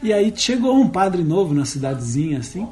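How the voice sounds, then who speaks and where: A man telling a folk tale in a casual chat as a guest, relaxed and rambling with frequent tag questions. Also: sits high, brisk. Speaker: guest storyteller and guitarist.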